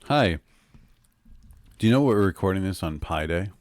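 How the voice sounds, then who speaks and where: A man's voice: low-pitched, lively intonation, moderate pace, dry recording, clean studio sound. A man co-hosting a casual podcast with his wife, playful and teasing, laughing easily. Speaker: podcast co-host. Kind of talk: casual chat.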